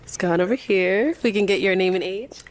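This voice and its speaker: A woman hosting a dating game, asking quick, upbeat follow-up questions and laughing often. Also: mid-range voice. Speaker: dating show host. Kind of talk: game show interviewing.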